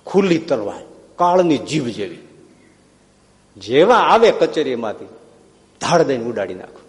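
A man's voice: mid-range voice, big pitch swings, measured pace. A man narrating a devotional story with dramatic, passionate bursts. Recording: long hall reverb.

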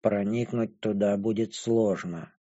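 A man voicing a gloomy, detached young dragon-woman who speaks flatly and slowly in an audiobook. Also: lowish voice, lo-fi sound, pitched below the performer's own voice. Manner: flat, indifferent, hushed and slow. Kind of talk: audiobook character voice.

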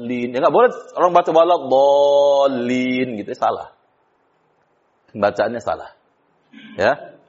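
Male recitation teacher, mid pitch, patient step-by-step explainer who quizzes the class and chants examples; muffled lo-fi class recording. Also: big pitch swings, unhurried, long pauses, husky. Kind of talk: classroom tajwid lesson.

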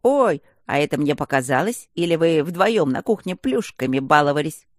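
A narrator voicing a chattering, cheeky female stone gargoyle in a fantasy audiobook, talking fast and mouthy. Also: mid-range voice, animated, no echo, studio quality, close to an everyday voice. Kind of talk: audiobook character voice.

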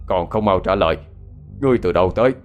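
A man's voice: low voice, fast talker, phone-quality sound, faint music behind, lightly acted. A man voicing a stern old male Buddhist monk who gives commands during an exorcism.

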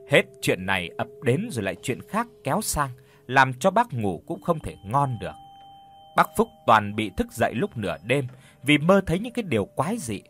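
A man narrates a horror tale. His voice sits at a middle pitch but swings widely up and down. He tells it in a dramatic, lively storytelling way.

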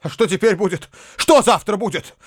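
A man voicing a kindly, anxious middle-aged country gentleman who confides in a breathless, rushed way. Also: mid-range voice, animated, no echo, studio quality, lightly acted. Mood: desperate.

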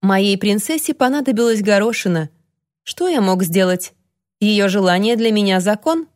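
A woman's voice: mid-range voice, moderate pace, darkish tone, dry recording, clean studio sound, natural voice. A woman reading the part of a cocky, show-off young man who turns bitter and sulky. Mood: teasing. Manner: teasing, then bitter and sulking.

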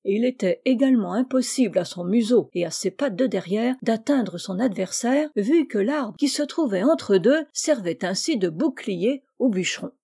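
Female audiobook narrator, middle pitch, warm and mellow, measured storytelling. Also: creaky, breathy edge. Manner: measured, expressive reading. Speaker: audiobook reader. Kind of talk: read-aloud storytelling.

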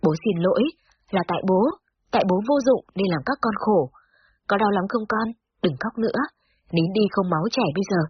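A woman voicing a despairing father who alternates between shouting and remorse, in a slightly dull lo-fi recording. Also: mid-range voice, a little fast, a little hiss or hum, lightly acted. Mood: remorseful. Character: despairing, short-tempered father.

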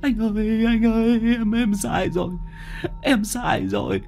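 A terrified young thug, as a male storyteller puts him on, stammering and whimpering in a strained high pitch that jumps all over. Faint music plays behind him in this spoken horror story. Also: wildly swooping pitch, a little slow, creaky, a little mellow, full character voice. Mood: panicked.

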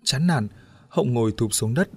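A man narrating an audiobook story in a steady, even storytelling manner. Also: medium pitch, normal speed, breathy edge.

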